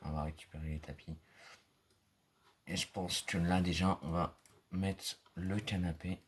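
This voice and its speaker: A man giving casual, rambling gameplay commentary full of fillers, sometimes dropping into quiet murmurs. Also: low voice, steady tone, a little slow, slightly rough. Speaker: gaming video creator. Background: mouse and keyboard clicks.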